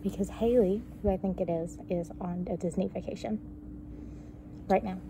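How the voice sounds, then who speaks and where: A woman's voice: medium pitch, normal speed. A young woman chatting casually and exclaiming as a student vlogger in a large indoor room. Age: young adult. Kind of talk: casual chat. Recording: noisy room ambience, camera mic.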